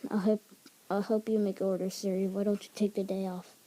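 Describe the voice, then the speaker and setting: A woman's voice: medium pitch, flat delivery, a little fast, mellow, lightly acted, rough recording. A woman voicing a stern female coffee shop manager, speaking in a firm, commanding way.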